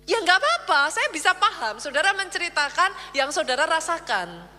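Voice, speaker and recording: High bright animated woman pastor preaching. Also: normal speed, big-room sound. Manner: animated preaching, acting out quoted voices. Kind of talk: sermon.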